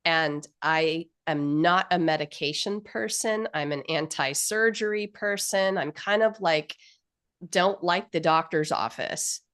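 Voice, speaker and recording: A woman in her fifties with a deep, low voice, made nasal by a bad cold. She hosts the session on a video call and talks eagerly, rambling and full of gratitude. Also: unhurried, a bit bright. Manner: enthusiastic, grateful, rambling with fillers. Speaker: publisher and host. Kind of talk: info session talk.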